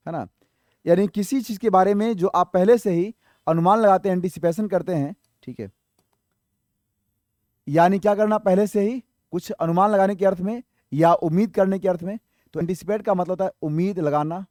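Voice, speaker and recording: The man's voice is high with a darkish tone, recorded dry at studio quality. In this English vocabulary lesson for an exam, he explains every word, spells out some of them letter by letter, and asks viewers questions before supplying the answers.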